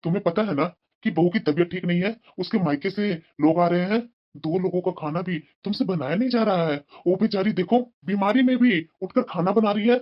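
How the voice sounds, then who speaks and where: A woman voicing a calm older husband who gently reproves his wife in a cartoon. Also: fairly low pitch, brisk, dull audio, voice pushed down, lightly acted. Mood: reproving.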